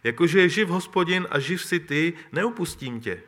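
A man reading the lines of Elisha, a devoted and stubborn young disciple, in soft, hushed replies. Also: a little high, lively intonation.

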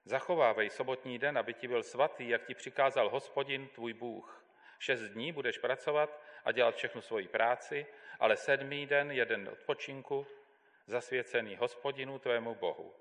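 A man giving a measured, deliberate Bible reading as a scripture reader in a church. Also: mid-range voice, fairly bright tone. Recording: long hall reverb.

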